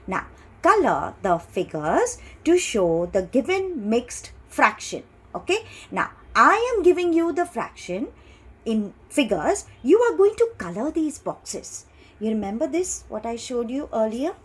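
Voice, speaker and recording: Slow sing-song teacher, breathy woman. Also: fairly high pitch, very animated. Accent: Indian English. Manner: slow, patient, sing-song teacher talk, stretching key words. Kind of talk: online class lesson for young children.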